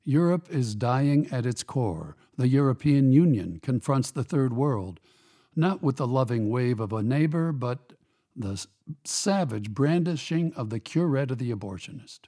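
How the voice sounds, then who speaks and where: A man reads a scripted opinion commentary as a radio program's host. His voice sits at an ordinary pitch with a dark, mellow tone. He delivers each point in a measured, emphatic, pointed way. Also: expressive.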